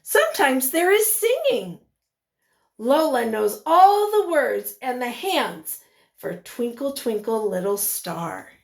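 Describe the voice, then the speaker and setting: Reading a picture book to young kids, this woman teacher is highly animated and expressive, pausing to quiz them along the way. She has a high, gravelly voice.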